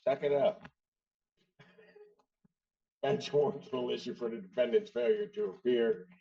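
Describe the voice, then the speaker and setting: A gravelly, darkly toned male judge speaks in a lively, rising and falling way. He moves briskly and bluntly through formal court procedure. The sound comes from a dull, distant courtroom recording. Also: medium pitch.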